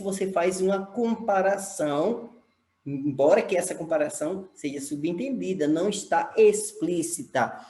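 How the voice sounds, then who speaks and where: A man's voice: a little high, darkish tone. A man with a Brazilian Portuguese accent teaching a recorded lesson, spelling out words and checking understanding with the class. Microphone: camera mic. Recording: echoey room.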